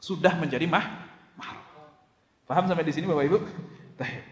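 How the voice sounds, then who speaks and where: A man's voice: fairly high pitch, brisk. A man preaching to a congregation, telling jokey stories and acting out dialogue. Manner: addresses audience directly with questions. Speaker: Islamic preacher. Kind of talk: lively religious lecture to a congregation. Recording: echoey hall.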